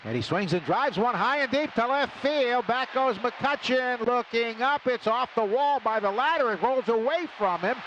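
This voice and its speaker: This live baseball radio call comes from a booth at an outdoor ballpark, with dull audio, heavy stadium noise, and loud ambience. The man's voice is extremely high-pitched and lively, moving at a moderate pace with few pauses as his clipped play-by-play swells on the big moments.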